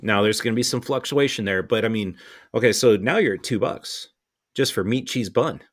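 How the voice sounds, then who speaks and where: A man's voice: lowish voice, normal speed. A man in casual, opinionated conversation, ranting bluntly with exasperation and some swearing.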